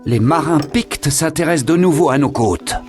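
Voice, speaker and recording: A man playing a grave, worried advisor to a medieval king in a strategy game, speaking in a slow, measured, solemn way. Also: a little high, music in the background, close to an everyday voice. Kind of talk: scripted game narration.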